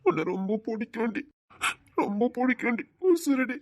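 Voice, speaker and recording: A man with a Tirunelveli Tamil accent playing an older man on duty, a gruff yet tender lover who stammers. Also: very high-pitched, lively intonation, moderate pace, a little mellow. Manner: stammers, turns from cold to tender. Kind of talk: romantic short-drama acting.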